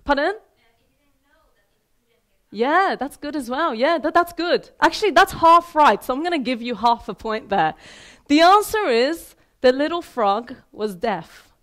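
A woman in her thirties, originally from Iran and raised in Sweden, giving a lively, conversational motivational talk from a theater stage and asking the audience questions. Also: sits high, a little slow. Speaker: keynote speaker. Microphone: headset mic.

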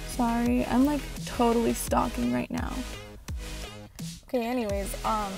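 Young woman, Valley girl accent, slightly high voice, chatty vlog talk, faint music behind. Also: creaky, a little mellow. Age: young adult. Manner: chatty, upbeat, lots of likes and ums. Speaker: vlogger. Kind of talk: casual vlog chat.

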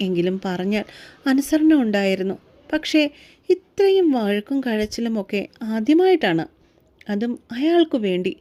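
A woman voicing a proud, worried young mother in a read-aloud story, pleading one moment and sharp with her child the next. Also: mid-range voice, natural voice. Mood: upset. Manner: pleading, then sharp and irritated. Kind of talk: audiobook story reading.

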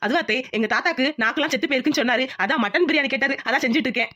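A woman's voice: sits high, very fast, a bit bright, lo-fi sound. A woman voicing a sly young village daughter-in-law in a cartoon, sweetly polite with muttered asides.

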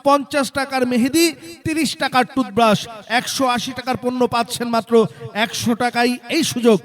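A man with a strikingly high-pitched voice and a Bangladeshi accent works through a hard-sell advertisement. He announces like a street promoter, repeating the offer insistently and pressing listeners to buy. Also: steady tone, a little fast, fairly bright tone. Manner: insistent, repetitive sales pitch urging listeners to hurry. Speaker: sales announcer for a promotional vehicle.

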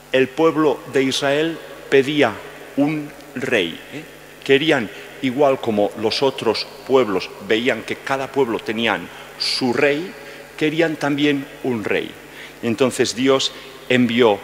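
A middle-aged male priest explaining a Bible reading at Mass in an unhurried way, often adding "¿eh?" as he goes. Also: medium pitch. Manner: unhurried, explanatory, with frequent "¿eh?" asides. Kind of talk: slow homily introduction at Mass. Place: large church. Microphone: headset mic. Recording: church hall reverb, faint hum.

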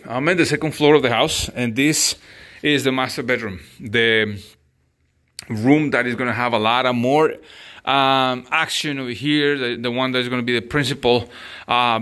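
A man's voice: mid-range voice, a bit bright. A man in his forties hosting a home remodeling walkthrough, explaining step by step with restarts and phrasing. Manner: explanatory, hesitant restarts, non-native phrasing. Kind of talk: casual walkthrough tutorial. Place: empty bedroom under demolition, indoors. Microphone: on-camera mic from a distance. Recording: roomy echo from far off.

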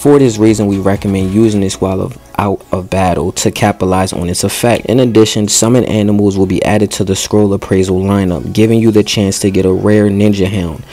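A man, a gaming YouTuber, reading game update notes aloud, stumbling over words now and then and breaking off for slangy, excited asides. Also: fairly low pitch, fairly quick, few pauses. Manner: slangy excited asides between read passages; stumbles and restarts while reading.

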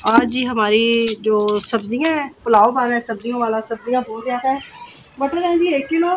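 A Pakistani vlogger in her thirties narrates her cooking on a village rooftop courtyard, chatting through each step and peppering her speech with "ji." Her voice is highish and her pace moderate, captured by noisy outdoor camera audio.

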